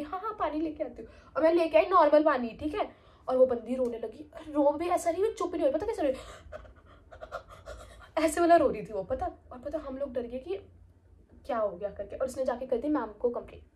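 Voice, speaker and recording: A young woman chatting casually as a vlogger, telling an animated storytime tale. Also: sits high, a little fast. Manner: animated, slips into quoted voices.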